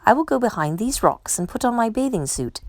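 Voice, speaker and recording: Storybook toad, male, gloomy and fussy, indignant emphasis, animated intonation woman reader. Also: fairly high pitch, a little fast, dry recording, clean studio sound, voice pushed up. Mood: self-conscious, fussy.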